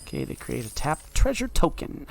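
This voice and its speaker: A man's voice: mid-range voice, very animated, moderate pace, creaky, slight background noise. A man giving casual commentary while playing a card game, thinking aloud in an offhand way.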